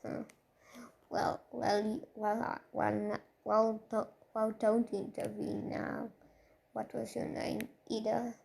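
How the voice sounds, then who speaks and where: Woman voicing a quiet scheming alien king boy. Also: fairly high pitch, completely flat delivery, creaky, exaggerated voice. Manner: quiet, hesitant, halting. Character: calm scheming young male alien king.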